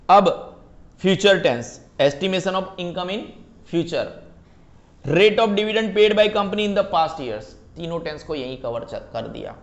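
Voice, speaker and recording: A man teaching a class, reading English terms out slowly and checking that his students follow, calling them beta. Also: on the high side, lo-fi sound. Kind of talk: class lecture.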